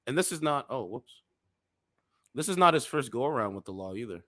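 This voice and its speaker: This is a man in his thirties doing reaction commentary on his channel. His talk is heated and preachy, and he breaks into loud outbursts. His voice sits at a middle pitch and sounds close and dry, with no room in it. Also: sing-song, brisk, no echo. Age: 30s.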